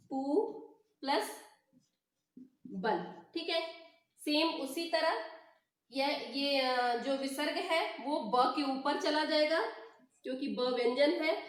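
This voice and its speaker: Woman teacher with a high voice, slow and patient at the board, recorded in a very echoey room. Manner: patient, repeats each step with "ठीक है"; spells out letters slowly. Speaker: Hindi teacher. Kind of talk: whiteboard grammar lesson.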